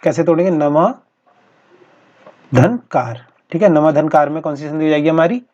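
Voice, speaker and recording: A male teacher going through practice exam questions in a steady, explanatory way, often repeating each answer. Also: a little high, normal speed. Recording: dull lo-fi recording.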